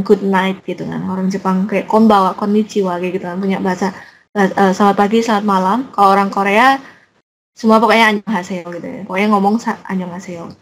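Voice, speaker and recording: A woman's voice: medium pitch, poor audio. Young woman, language lesson, chatty explainer, many fillers, faint background hiss. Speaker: Korean language teacher. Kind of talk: casual online lecture.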